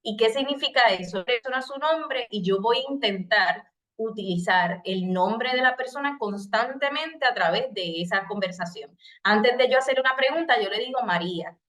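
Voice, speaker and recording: A woman's voice: a little high, normal speed, hardly any pauses, fairly bright tone. A middle-aged woman from Puerto Rico, speaking with a Puerto Rican Spanish accent, gives a recorded training lecture as a psychologist, explaining steps patiently and acting out short example phrases. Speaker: psychologist giving a training session. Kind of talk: recorded lecture on crisis communication.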